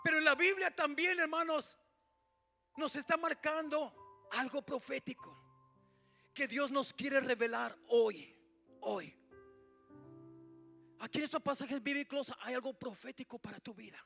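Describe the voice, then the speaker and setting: A male pastor preaches in a very high, sharp voice, swinging from shouts to quiet asides. Faint music plays behind him in the church. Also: measured pace, gravelly, long pauses. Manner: swings between shouting and hushed asides, repeats "mi amado hermano". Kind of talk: sermon.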